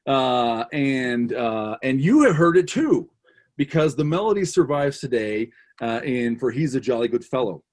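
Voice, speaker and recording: A man's voice: medium pitch, big pitch swings, unhurried, a little mellow. A man speaking as a guest author in casual conversation, telling a history story with lots of restarts and fillers.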